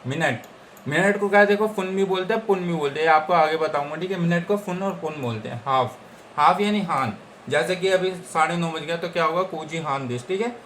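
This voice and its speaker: Chatty young man teaching, higher voice. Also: fairly quick, fairly bright tone, a little hiss or hum. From India. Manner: repeats words and keeps checking understanding with "okay guys?". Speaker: Japanese language teacher. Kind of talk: casual tutorial explanation.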